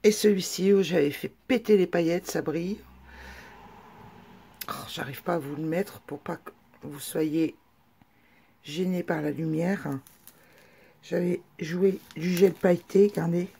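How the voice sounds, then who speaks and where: Mellow-voiced woman chatting casually. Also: fairly low pitch, a little slow, vocal fry, long pauses, breathy edge. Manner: chatty, hesitant with many fillers. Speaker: craft vlogger. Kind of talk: casual show-and-tell video.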